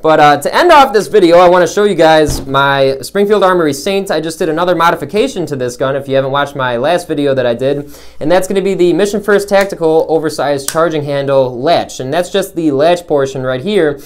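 A man's voice: on the high side, brisk, a little hiss or hum. A young man who works as a gun store salesman, talking casually to his viewers in a rambling way, with many fillers and restarts. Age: young adult. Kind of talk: casual vlog talk.

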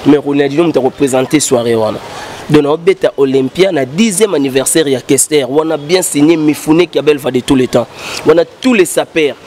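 An interviewer holds a handheld mic for a musician in his thirties on an outdoor set with a painted backdrop. Fairly high and a little mellow, his voice carries a little hiss or hum as he gestures broadly and tells fast, rambling, animated stories that switch between French and Lingala.

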